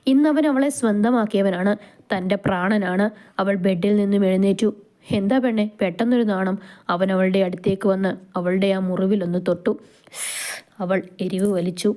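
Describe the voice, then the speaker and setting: A woman storyteller reads a romance aloud, her voice soft and mellow with a dark, rounded tone. She keeps an even, unhurried pace through the narration. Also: medium pitch.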